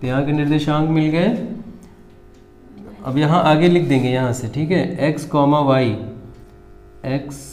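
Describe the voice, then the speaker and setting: A man teaching a school maths lesson, working through a problem one step at a time. His voice sits a little high for a man. The room around him is echoey. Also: steady tone, a little slow, pauses often, darkish tone. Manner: talks students through each step, checking with them. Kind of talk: board-exam maths lesson.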